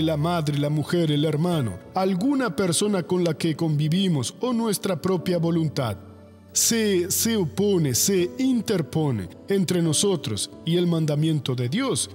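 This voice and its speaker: A man's voice: fairly high pitch, darkish tone, long reverb tail. An older man preaching a sermon, emphatic and asking rhetorical questions he answers himself.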